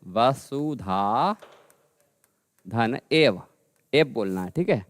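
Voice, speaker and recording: A man teaching a grammar lesson, repeating words slowly and calling his students "bhai". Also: medium pitch, expressive, no room sound. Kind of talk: classroom lesson.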